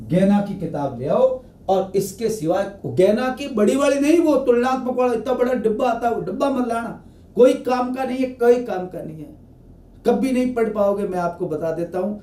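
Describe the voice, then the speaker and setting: A man's voice: high-pitched, mellow. A male political science teacher, giving exam preparation advice to students in a direct, repetitive way. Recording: echoey room, far from mic.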